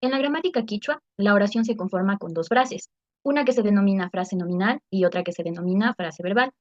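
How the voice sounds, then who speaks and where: A woman's voice: mid-range voice, fairly quick, a little mellow, dry recording, muffled recording. A woman giving a class presentation, reading structured points in an explanatory way. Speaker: student presenter.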